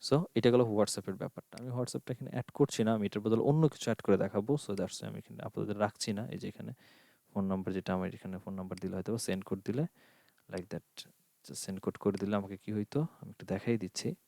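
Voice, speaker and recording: A man's voice: fairly low pitch, steady tone, a little fast, gravelly, mellow, no echo, clean studio sound. A man teaching an online course, explaining screen steps one by one and asking himself questions as he goes. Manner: explains step by step with rhetorical questions, mixing in English. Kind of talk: screen-share tutorial.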